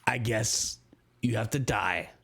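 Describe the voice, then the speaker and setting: A man's voice: lowish voice, slow, fairly bright tone, husky, voice pushed down, exaggerated voice. Man playing a menacing, haggling orc. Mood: threatening. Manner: threatening, haggling. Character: large menacing male orc demanding a ransom.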